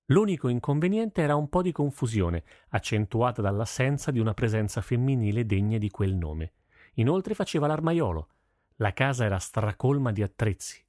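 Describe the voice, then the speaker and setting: A man narrating a story with steady, measured delivery. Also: on the low side, no room sound, clean studio sound. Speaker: audiobook narrator. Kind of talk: scripted narration.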